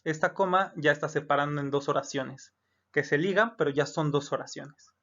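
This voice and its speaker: Patient teacher, higher voice, dull lo-fi sound. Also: male voice, normal speed, fairly bright tone. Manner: patient, repeats examples with Spanish translations. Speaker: English teacher. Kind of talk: explaining grammar to students. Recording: dull lo-fi recording.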